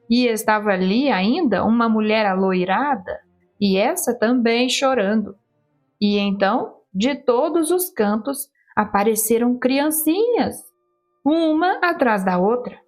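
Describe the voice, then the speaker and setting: A woman reading a first-person literary story aloud in an expressive, theatrical storytelling manner. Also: on the high side. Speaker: audiobook reader.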